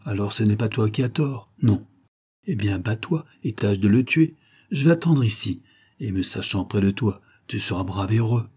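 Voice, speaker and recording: A man's voice: on the low side, animated, moderate pace, mellow, breathy edge. A man voicing a passionate, devoted young Parisian woman in an audiobook, tender and pleading.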